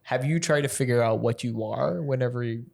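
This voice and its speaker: Rambling, relaxed man hosting a podcast. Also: medium pitch, a little fast, creaky. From Sri Lanka. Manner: relaxed, rambling questions with many fillers. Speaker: podcast host. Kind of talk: casual podcast interview.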